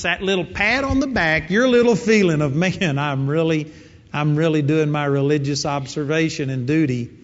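A man's voice: high-pitched, a bit bright. A man preaching a sermon in an earnest, emphatic way, repeating his key phrases. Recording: dull sound in a reverberant hall.

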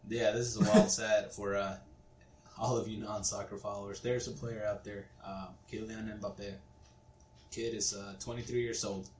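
A man in his twenties co-hosting a casual podcast, chiming in and telling stories with energy. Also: moderate pace. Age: 20s. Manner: chimes in with short agreements, animated storytelling. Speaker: podcast co-host. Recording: echoey room with faint rumble.

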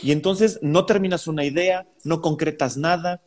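A man's voice: a little high, moderate pace, darkish tone. Agreeable man hosting a chat. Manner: agreeable, many short affirmations. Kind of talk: casual chat.

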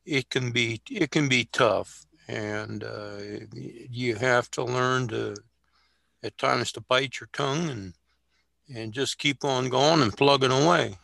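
Very gravelly older man, halting storyteller. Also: mid-range voice, pushed and bright, no echo. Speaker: guest, Navy veteran. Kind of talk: casual conversation and storytelling.

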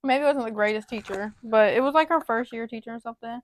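A woman's voice: fairly high pitch, fast talker. A teenage girl co-hosting a podcast, talking casually and hesitantly, filling with many "like"s. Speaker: podcast co-host. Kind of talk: casual chat.

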